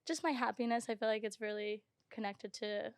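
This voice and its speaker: A woman in her twenties, a podcast guest talking casually, full of "um" and "like" and quick laughs. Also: on the high side, steady tone, clean tone, no echo, studio quality. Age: 20s. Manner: chatty, laughs often, says "um" and "like". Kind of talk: casual chat.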